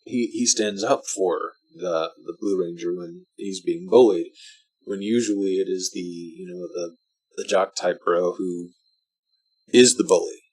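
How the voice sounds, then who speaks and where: A drunk man giving casual, rambling movie commentary, halting and meandering, often trailing off mid-thought. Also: sits low, fairly even intonation, a little mellow, breathy edge, rough recording. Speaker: vlogger reviewing a film.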